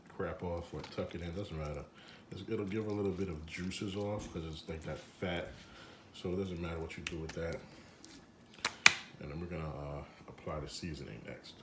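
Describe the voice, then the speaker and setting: A deep-voiced man hosts a home cooking demonstration, chatting loosely and jokingly with plenty of fillers. He's from Jamaica and slips into a Jamaican accent. The recording is reverberant and very noisy.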